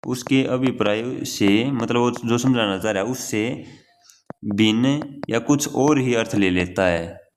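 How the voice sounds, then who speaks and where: A man's voice: medium pitch, slow, slight background noise. A young man teaching an exam-prep grammar lesson in a casual, repetitive way, often repeating key phrases and calling the listener brother.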